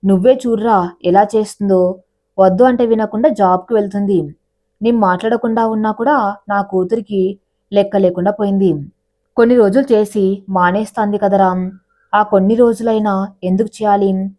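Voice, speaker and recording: A woman reads a doting middle-aged father in a spoken storybook, proud and a little sulky. He talks to his daughter in an affectionate, coaxing way, with a mellow, unforced tone. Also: medium pitch, steady tone, normal speed, natural voice. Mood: aggrieved.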